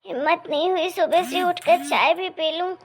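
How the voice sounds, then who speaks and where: Sharp-tongued, feverish mother-in-law who scolds and complains, played by a woman; cartoon story, high pitch. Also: moderate pace. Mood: self-pitying. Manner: bitter and scolding. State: feverish and in pain. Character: harsh, complaining middle-aged mother-in-law.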